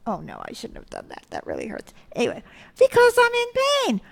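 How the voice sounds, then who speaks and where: Amid heavy background noise and loud music, a woman in her seventies hosts a show in a slightly high, gravelly voice with huge pitch swings and a brisk pace. She gives viewers a rambling, casual monologue, self-mocking and packed with joking asides.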